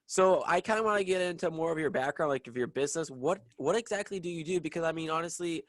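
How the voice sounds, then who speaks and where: A young man hosting a podcast, upbeat but halting, with many fillers and restarts. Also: fairly high pitch, fairly bright tone, no room sound. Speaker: podcast host. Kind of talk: casual interview chat.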